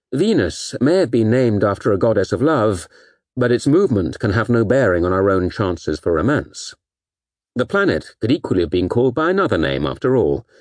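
A man narrates educational material from a script, like an audiobook reader. His voice sits on the low side and his delivery is measured, articulate and formal. The sound is dry, with no room around it. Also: darkish tone, no echo. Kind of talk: scripted educational narration with recited literary quotations.

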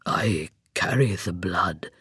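Rasping hollow skeleton knight, very deep, slow, breathy, husky, storybook villain-turned-servant. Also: fairly bright tone, no echo, studio quality, full character voice. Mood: grave devotion. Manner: slow, grave, breathy whispering delivery. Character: undead skeletal knight, male, solemn and devoted. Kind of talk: audiobook character voice.

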